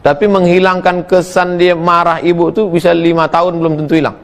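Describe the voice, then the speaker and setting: Middle-aged male preacher, fairly high voice; folksy, teasing humor in a Q&A sermon with sudden high exclamations. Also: level tone, fairly quick. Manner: folksy, teasing asides to the audience. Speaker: Islamic preacher answering questions.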